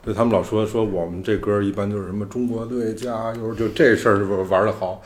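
A man's voice: on the low side, fairly even intonation, fast talker. A man hosting a podcast, explaining music theory in loose, casual talk. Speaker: podcast host. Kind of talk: casual chat.

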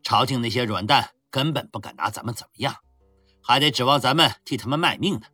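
A man voicing a swaggering, loud Ming general. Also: medium pitch, brisk, husky, no room sound, clean studio sound, faint music behind. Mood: boastful. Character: boastful hard-drinking male Ming general.

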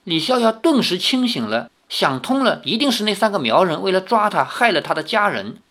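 Lively woman reading a novel aloud. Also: medium pitch, a little fast. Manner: expressive reading with casual asides. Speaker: storyteller.

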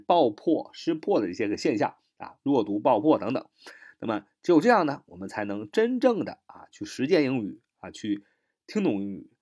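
A man teaching spoken English in Chinese, repeating phrases slowly, spelling words out letter by letter and acting out exclamations. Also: fairly low pitch. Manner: animated, acts out exclamations.

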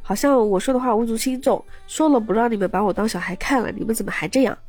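A woman's voice: on the high side, quick pace, darkish tone, soft background music, lightly acted. A woman voicing a sulky young man in his twenties who resents being treated like a child. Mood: indignant. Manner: grumbling, indignant.

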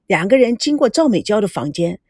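A woman host narrating a serialized story in an expressive, animated storytelling manner. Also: medium pitch, fairly quick, breathy edge, no room sound, clean studio sound.

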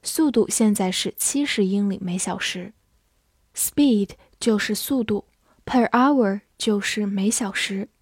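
A woman teaching English vocabulary, spelling words letter by letter and reading example sentences slowly and patiently. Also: mid-range voice, breathy edge, no room sound, clean studio sound. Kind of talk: vocabulary lesson, spelling and slow read-alouds.

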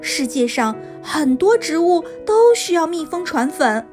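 A woman narrating a scripted children's story in an expressive storytelling manner, as if for young listeners. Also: high voice, measured pace, faint music behind.

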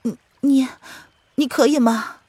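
A woman voicing a frightened young heroine who pleads in a high, tearful voice in an audiobook. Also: fairly even intonation, takes it slowly, mellow, slightly rough, dry recording, exaggerated voice. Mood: hesitant worry. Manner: high, pleading, sobbing cries. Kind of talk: audiobook character voice.

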